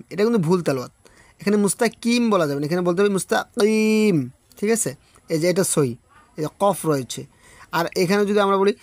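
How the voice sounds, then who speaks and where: A man teaching a Quran recitation class online. He explains step by step, often checks in with "okay?", and chants verses slowly and drawn out. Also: high-pitched, no room sound.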